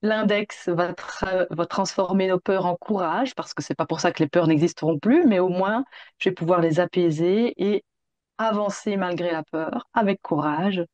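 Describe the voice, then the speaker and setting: A woman practitioner gently explaining a relaxation practice, hesitating often as she goes. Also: fairly low pitch, moderate pace, no echo, muffled recording. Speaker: Jin Shin Jyutsu practitioner.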